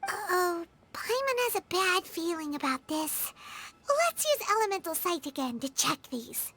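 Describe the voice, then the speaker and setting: A woman voicing a tiny, excitable fairy companion who talks about herself in the third person, in a video game. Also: very high voice, moderate pace, heavily acted. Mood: eager.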